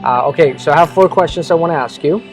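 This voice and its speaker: A man's voice: on the high side, quick pace, soft background music. A man hosting a casual interview, upbeat and encouraging, often restarting his questions. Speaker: interviewer, host. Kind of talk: casual interview, video intro.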